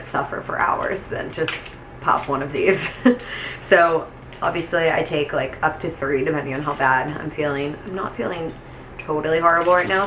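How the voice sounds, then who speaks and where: A young woman chatting casually to viewers in a home vlog, sounding hungover, tired and low on energy, with a gravelly creak in her voice. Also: noisy background. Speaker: vlogger. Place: at home indoors.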